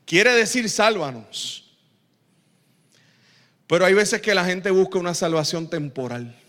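A man preaching a sermon, telling stories and acting out the shouts of a crowd. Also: high voice, measured pace. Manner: animated storytelling, acts out crowd shouts. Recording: long reverb of a large hall.

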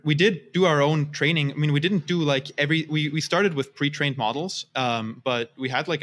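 A man's voice: medium pitch, a bit bright. Man rambling through a casual interview. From Austria, raised in the US. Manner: rambling, many restarts and fillers. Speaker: guest, startup founder.

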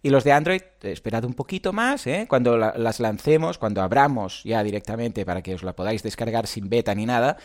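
A man hosting a live podcast chat, with a very lively pitch that swoops up and down. He talks in an animated way and breaks into loud, playful outbursts. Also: brisk, hardly any pauses. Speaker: podcast host.

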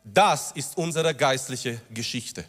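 A male pastor preaching a sermon with emphatic stresses, slowing down on key words and building up in pitch and loudness. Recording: long reverb of a large hall.

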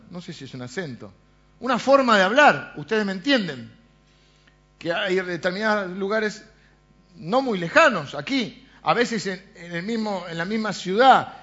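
A man preaching a sermon, his voice high and bright. He asks the congregation rhetorical questions and often sinks into a quiet aside. The recording sounds dull and lo-fi.

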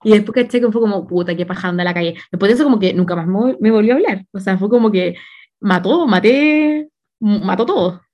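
A woman's voice: mid-range voice, fast, darkish tone, highs cut off. A woman with a Chilean accent chatting casually, telling stories in a slangy, laughing way. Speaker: podcast co-host. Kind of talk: casual chat.

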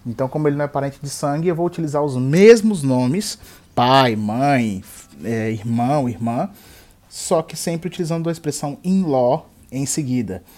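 A man with a Brazilian Portuguese accent teaching English vocabulary, slowly repeating each word for the learner to echo. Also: medium pitch, a little mellow. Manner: slow, deliberate drilling of words and phrases. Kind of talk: language lesson with repeat-after-me drills.

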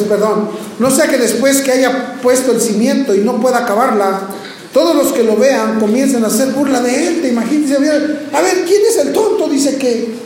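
A male pastor preaches in a church, calling out to the brothers and sisters and often stumbling over repeated words as he restarts. His voice sits very high. The sound is drenched in room echo, with faint noise underneath. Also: a little mellow. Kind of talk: sermon. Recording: very echoey church hall with faint background noise.

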